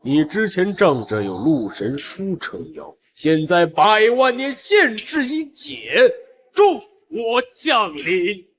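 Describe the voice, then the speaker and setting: A raging demon lord in a fantasy drama, high-pitched and gritty with creak. He gloats and threatens theatrically, sliding from a slow menacing hiss to a roar. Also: very animated, fairly bright tone, full character voice. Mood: vicious threat. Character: gloating, raging male demon-lord villain, half-step heavenly demon. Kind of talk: Chinese fantasy short-drama acting.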